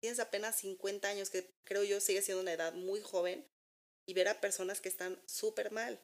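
A woman's voice: mid-range voice, level tone, brisk. A woman with a Mexican accent chatting casually and giving encouraging advice. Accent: Mexican Spanish. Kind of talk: casual chat.

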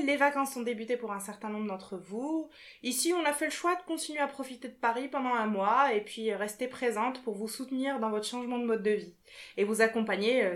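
A woman's voice: a little high, fairly bright tone. A woman hosting a podcast, upbeat and guiding the episode. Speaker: podcast host. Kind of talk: casual podcast presentation.

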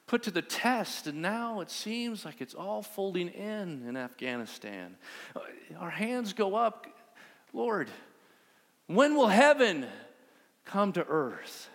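A man preaching a sermon as pastor, telling a story in a conversational, animated way. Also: sits high, big-room sound.

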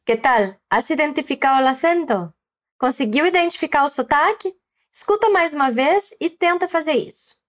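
A Brazilian woman hosts a Spanish lesson podcast, coaxing the listener to repeat phrases after her. Her voice is high and bounces through a wide range. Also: expressive, normal speed, a bit bright. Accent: Brazilian Portuguese. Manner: encouraging, prompts listener to repeat. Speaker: Spanish teacher and podcast host.

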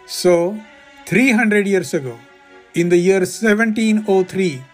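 A man hosting a travel podcast, reading scripted narration in a measured, deliberate way. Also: high-pitched, soft background music. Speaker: podcast host.

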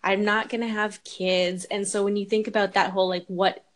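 A woman's voice: medium pitch, level tone, normal speed. A woman in her thirties hosting a podcast, explaining her views earnestly in casual chat. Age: 30s. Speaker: podcast host.

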